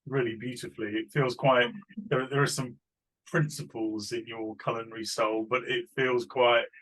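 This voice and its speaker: A man's voice: medium pitch, flat delivery, normal speed, a bit bright, poor audio. A man interviewing conversationally, feeling his way through questions in a reflective, affirming manner. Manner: tentative, reflective phrasing, affirming the guest.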